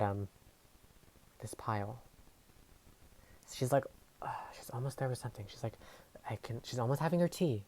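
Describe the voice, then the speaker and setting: A tarot reader whose first language is Tagalog gives a casual, rambling monologue full of fillers and trailing phrases, her bass voice warm in tone. She records at a home filming setup with an overhead camera, and the low-quality audio carries a little hiss or hum.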